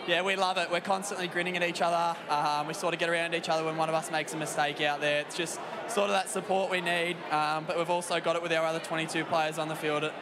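A man's voice: a little high, level tone, quick pace. Young Australian male athlete, light-voiced, post-match chat at a noisy stadium. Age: young adult. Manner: easygoing, modest, many fillers. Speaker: footballer interviewed after a match. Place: outdoors at a stadium beside the field. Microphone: handheld mic with headset. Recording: stadium noise behind.

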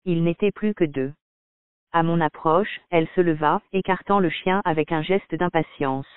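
A man narrates a story in first person with a calm, measured reading. His voice is fairly high and crisp. The sound is dry, with no room, and thin like a phone line. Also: no room sound. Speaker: audiobook narrator. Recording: dry, tinny phone-like audio.

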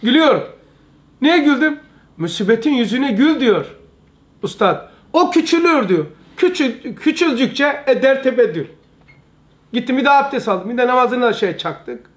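A man's voice: very high voice, lively intonation, moderate pace. A man giving an informal religious lesson, emphatic and repetitive, often calling his listeners brother. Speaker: religious study teacher.

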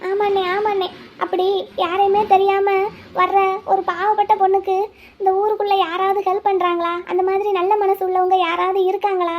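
A performer voicing a wary young village woman who talks to herself and coaxes others in a cartoon. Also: very high voice. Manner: talks to herself, pleading and coaxing. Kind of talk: cartoon voice acting, inner monologue and dialogue.

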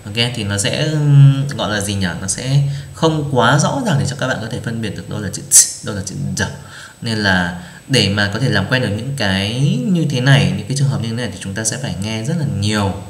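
A man teaching English pronunciation, reading drill words slowly and deliberately and explaining each sound. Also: on the low side, echoey room. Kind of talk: pronunciation lesson, slow model reading.

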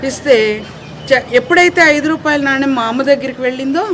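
A woman narrating a children's moral story in a lively, expressive way. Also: high voice, fairly quick, slight background noise.

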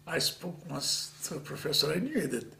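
An older man from Macedonia, a native Macedonian speaker, speaks English with a Macedonian accent in a reflective oral history interview, halting and earnest as he searches for words. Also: on the high side, sing-song, creaky, pushed and bright. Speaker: interviewee, author of dictionaries. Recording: faint hum and background noise.

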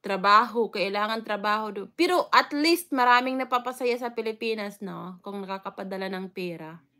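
A woman's voice: mid-range voice, normal speed, bright, forceful tone. A Filipino woman from the Philippines chatting casually on a live stream, greeting viewers one by one with frequent fillers and laughs.

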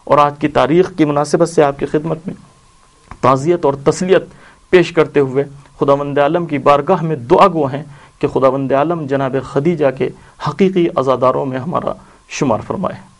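A man giving an emotional devotional sermon, retelling a sacred story, his voice swinging from loud cries to hushed low lines. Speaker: religious speaker.

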